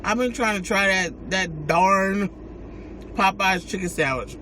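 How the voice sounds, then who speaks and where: A man's voice: high voice, a little slow, sharp tone, slight background noise. An American man talking casually to his viewers as he eats, chewing between and during his words. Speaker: mukbang vlogger. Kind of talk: casual chat to viewers while eating.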